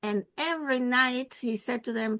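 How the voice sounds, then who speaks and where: A woman's voice: fairly high pitch, steady tone, moderate pace, fairly bright tone, smooth, no echo. A woman speaking earnestly on a video call, sharing a story with frequent hesitant fillers. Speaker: participant in an online discussion.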